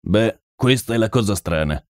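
A stern, proud old colonel with a low, dry voice, as the narrator puts him on. He speaks in cold, clipped sentences in an audiobook reading. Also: animated, moderate pace, darkish tone, no room sound, close to an everyday voice. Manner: cold and clipped, then agitated. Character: stern proud older male colonel, racehorse owner.

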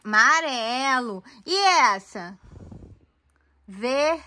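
A woman's voice: high voice, animated, drawn-out words, pushed and bright. A woman with a Brazilian accent hosting a casual home vlog from a toy corner indoors, playfully coaxing a toddler and talking to her viewers. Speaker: family vlogger host.

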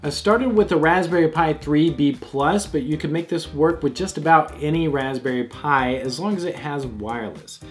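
A man's voice: fairly high pitch, moderate pace, hardly any pauses, faint music behind. Man narrating a DIY tech tutorial. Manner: clear step-by-step explaining, light humor. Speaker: host of a tech DIY channel.

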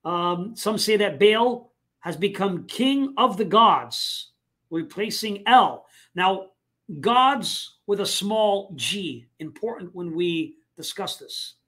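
A man hosting a live online talk show, speaking casually with many fillers and pauses. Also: high voice, lively intonation, bright, forceful tone. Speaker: host.

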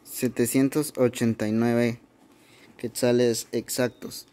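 Slow-talking vlog host. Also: male voice, mid-range voice, level tone, mellow. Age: young adult. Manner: slow, explaining step by step. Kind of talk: casual narration to camera. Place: small bedroom, indoors.

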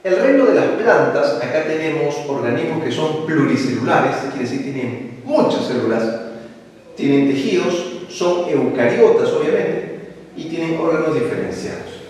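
A man's voice: a little high, moderate pace. Echoey Peruvian man teaching biology. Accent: Peruvian Spanish. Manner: lively, asks questions and answers them himself, mixes in English words. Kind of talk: online pre-university biology lesson. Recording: very echoey hall, voice from a distance.

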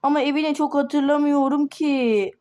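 A woman's voice: sits high, steady tone, normal speed, warm tone, close to an everyday voice. Woman voicing a hesitant young boy. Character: young boy, older brother. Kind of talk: toy game role-play.

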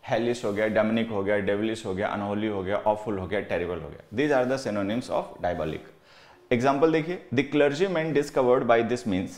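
A man teaching English vocabulary in Hindi, with an Indian English accent. He explains slowly and repeats words. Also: mid-range voice, a little mellow. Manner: explains slowly, reads example sentences aloud word by word, repeats words; keeps saying "theek hai" while writing on the board. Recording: echoey room.

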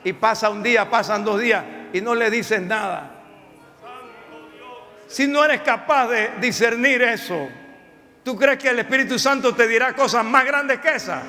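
High, bright-voiced pastor preaching. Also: male voice, unhurried, big-room sound, faint music behind. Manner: dramatic storytelling, swings from shouting to hushed. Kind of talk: sermon. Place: church sanctuary.

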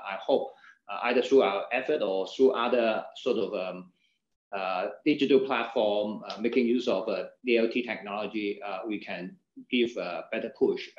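A lower-voiced man speaks on a panel, hesitating before almost every phrase. The sound is roomy and slightly muffled, and his voice trails softer at phrase ends. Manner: very hesitant, constant "uh". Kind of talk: panel discussion answer. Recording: echoey muffled room.

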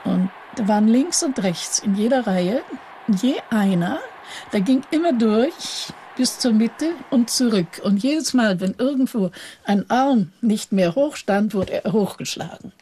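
A woman's voice: fairly high pitch, expressive, unhurried, warm tone, slight background noise, poor audio. An older woman recalling events as an eyewitness in a spontaneous interview.

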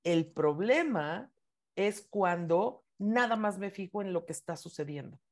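A woman's voice: medium pitch, animated, unhurried, darkish tone. A woman leads an online reading club in casual talk. She speaks with emphatic encouragement, leaning hard on key words as she tells her own stories. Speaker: book club host and speaker.

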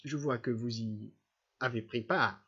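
Un jeune prince droit et sincère qui questionne avec insistance, lu par un homme dans un livre audio. Sa voix est un peu voilée. La prise de son est légèrement sourde. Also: male voice, mid-range voice, unhurried, a bit bright, husky, dull audio. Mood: reproachful. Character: earnest, upright young prince, easily indignant.

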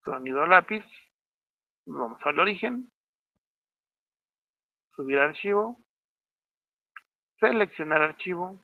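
A man with a Mexican Spanish accent walks students through a programming tutorial one step at a time, often pausing to ask if they are following. His voice sits a little high and has a gravelly edge. The sound is tinny and narrow, like a phone line, with no room echo. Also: animated. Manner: step-by-step, checks in with frequent "¿sí?". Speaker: teacher. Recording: tinny phone-like audio, dry.

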